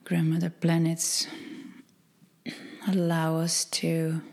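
A woman leading a ritual invocation in a soft, breathy whisper, slow and meditative with long pauses. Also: low voice, completely flat delivery. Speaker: ceremony leader.

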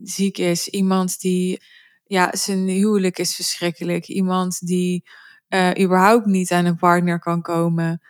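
A woman's voice: on the low side, level tone, measured pace, dry recording, studio quality. A woman co-hosting a podcast, chatty and inquisitive, retelling what she read. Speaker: podcast co-host. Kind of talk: casual podcast conversation.

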